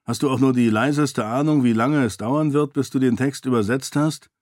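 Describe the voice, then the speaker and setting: A man voicing a big, calm, skeptical male friend who questions and protests mildly. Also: medium pitch, moderate pace, no room sound, studio quality, close to an everyday voice.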